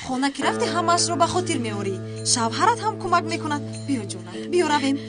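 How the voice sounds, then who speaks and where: A gentle, soothing nurse, voiced by a woman with a slightly high voice. Her calm words sit over loud music in a dubbed drama.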